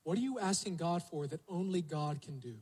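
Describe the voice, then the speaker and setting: A man's voice: fairly high pitch, animated, a little fast, darkish tone, slightly rough, low-quality recording. A male pastor preaching a sermon, telling the story vividly and asking the congregation rhetorical questions.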